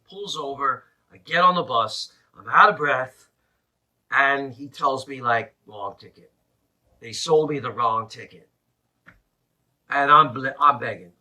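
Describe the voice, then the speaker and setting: A man tells a personal story in a very bright, forceful voice that sits a little high. His delivery is animated and emphatic, with dramatic pauses. He is recorded in an attic, a little way from the microphone. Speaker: religious presenter and storyteller. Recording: slightly distant mic in an attic.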